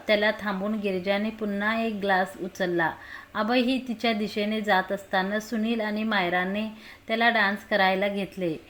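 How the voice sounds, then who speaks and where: A woman reading a romantic story aloud and voicing all of its characters herself. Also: medium pitch. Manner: voices every character herself, lively dialogue. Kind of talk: scripted story narration.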